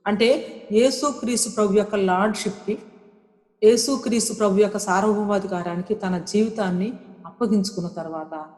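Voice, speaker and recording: A woman's voice: mid-range voice, fairly quick, darkish tone. Woman preaching, earnest, keeps repeating phrases, drops in english words, big echoey hall with long ringing reverb. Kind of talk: sermon.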